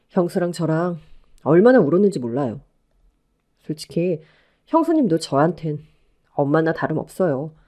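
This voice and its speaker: A gentle young husband, voiced by a man in a radio play. He speaks softly and warmly about his family. His tone is apologetic. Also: fairly high pitch, close to an everyday voice. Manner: soft, apologetic, fond. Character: gentle young husband, soft-spoken son.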